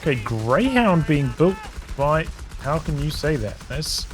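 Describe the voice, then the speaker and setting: A man giving relaxed, analytical play-by-play commentary on a strategy game replay, thinking aloud as the match unfolds. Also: fairly high pitch, unhurried. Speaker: game caster. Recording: game battle sounds over the voice. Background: game gunfire and artillery.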